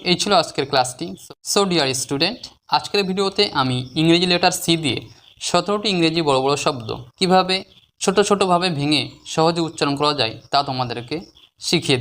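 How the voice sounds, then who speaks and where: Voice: medium pitch, animated, a bit bright. A teacher giving a spelling lesson, who spells each word letter by letter and then syllable by syllable, and lifts the voice to announce each new word. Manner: slow and deliberate when sounding out syllables. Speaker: English teacher.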